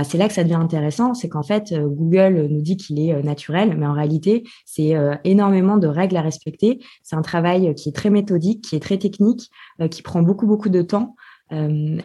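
A woman's voice: lowish voice, warm tone, breathy edge. A woman guest on a podcast interview, explaining her work with many hesitations. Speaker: podcast guest, digital marketer.

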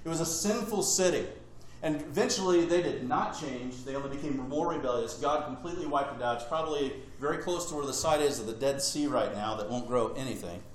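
A man's voice: medium pitch, brisk, echoey room, slight background noise, poor audio. A man preaching a sermon, retelling scripture conversationally with humorous asides.

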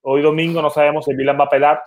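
A man co-hosting a podcast in casual chat, measured and explanatory. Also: fairly high pitch, flat delivery. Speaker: podcast co-host.

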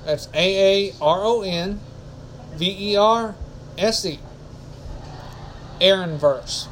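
A man's voice: high-pitched, slow, slight background noise, low-quality recording. A man hosting a casual solo podcast, rambling and often correcting himself. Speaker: podcast host.

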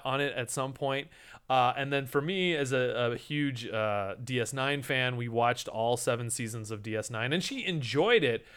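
A man's voice: fairly high pitch, fairly bright tone, smooth. A man co-hosting a podcast in casual chat, rambling along with many fillers and restarts. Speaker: podcast co-host.

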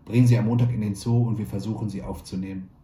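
A man's voice: fairly low pitch, steady tone, fast, mellow, a little hiss or hum, natural voice. A man voicing a friendly, matter-of-fact young man who helps out. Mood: practical. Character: friendly young man, helpful zoo contact. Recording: roomy echo.

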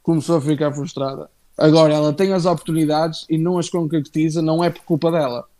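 A man with a European Portuguese accent co-hosting a casual live wrestling chat in a halting, slangy, familiar way. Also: fairly high pitch, steady tone, dark tone. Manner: halting, slangy, addresses listeners and co-host familiarly. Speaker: wrestling show co-host.

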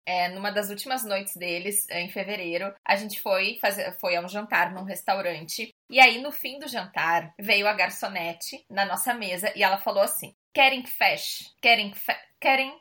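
Lively woman telling a story. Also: medium pitch, normal speed, few pauses. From Brazil. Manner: lively storyteller, laughs often. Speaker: podcast co-host. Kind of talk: casual conversational podcast.

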